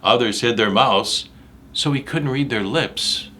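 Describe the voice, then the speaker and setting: Speaking in a mid-range, sharp-toned voice at an unhurried pace, a man reads a picture book to children. He's dramatic and emphatic, speaks right to his young audience, and keeps the read-aloud animated with remarks about the pictures.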